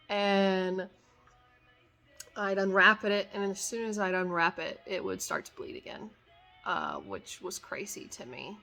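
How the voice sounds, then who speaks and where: A woman's voice: lowish voice, creaky, fairly bright tone. A tired young woman, yawning now and then, chattily telling her story of her baby as a mother's testimony, quoting herself and others. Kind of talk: casual spoken testimony.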